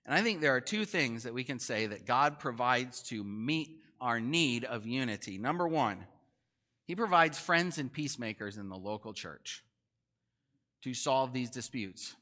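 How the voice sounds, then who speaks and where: A man's voice: medium pitch, lively intonation, unhurried, bright, forceful tone. A man preaching a sermon as pastor in a conversational way, often asking the congregation questions.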